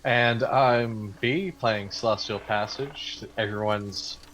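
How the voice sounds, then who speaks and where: A man's voice: lowish voice, slow, fairly bright tone, a little hiss or hum, poor audio. A man talking as a player at a tabletop game, casual and joking, with wry, mock-formal wording.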